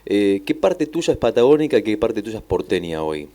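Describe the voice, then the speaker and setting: An Argentine man, a radio announcer, asking interview questions in an unhurried, repetitive way in a studio. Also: on the low side, sing-song, dark tone. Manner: friendly, unhurried, repeats phrases.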